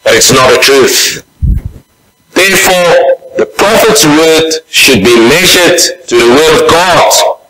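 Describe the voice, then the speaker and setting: A male pastor preaching in a church, his fairly high, bright voice carrying through an echoey hall. He speaks slowly and deliberately, reading scripture passages aloud. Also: animated. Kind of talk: sermon.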